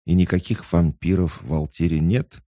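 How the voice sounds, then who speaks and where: A man voicing an angry, sharp-tongued young woman mage who speaks in accusing, threatening tones. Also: low voice, normal speed, no echo, studio quality, voice pushed up. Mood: suspicious.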